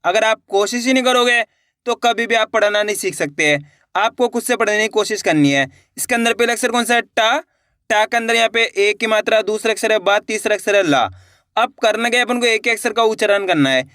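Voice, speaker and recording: A Hindi reading teacher giving an online lesson, sounding out words slowly syllable by syllable and encouraging viewers as friends. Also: mid-range voice, sharp tone, no echo, clean studio sound.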